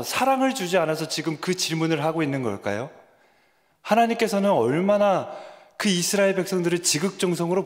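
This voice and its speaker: A man preaching a sermon as a junior pastor, questioning his listeners and building to emphatic peaks. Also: fairly high pitch. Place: church sanctuary. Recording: long church reverb.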